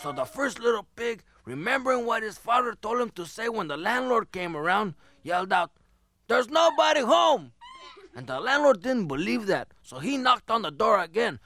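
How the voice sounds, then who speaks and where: Male stand-up storyteller, deadpan and rambling; bright, raspy. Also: high-pitched, a little fast, hardly any pauses, dry recording. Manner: rambling deadpan tall-tale telling. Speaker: comedian. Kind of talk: comic storytelling routine.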